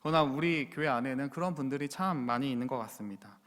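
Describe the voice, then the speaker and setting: A man's voice: mid-range voice, fast, a bit bright. A man preaching a sermon as pastor in a church, earnestly putting questions straight to the congregation. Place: church sanctuary. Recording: long church reverb.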